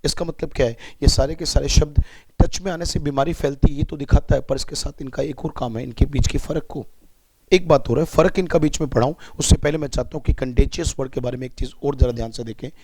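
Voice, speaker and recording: A man's voice: mid-range voice, fairly even intonation, quick pace, a little mellow, no room sound. A man with an Indian accent teaching English vocabulary. He breaks words into parts and asks students to repeat after him. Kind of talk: vocabulary lesson.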